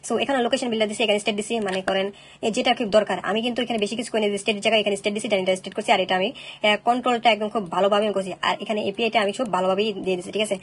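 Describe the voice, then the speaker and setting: A woman teaching a coding tutorial, talking fast and checking in with listeners after each step. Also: medium pitch, fairly even intonation, slightly rough. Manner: rapid, keeps checking in with "okay?". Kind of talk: screen-recorded coding tutorial.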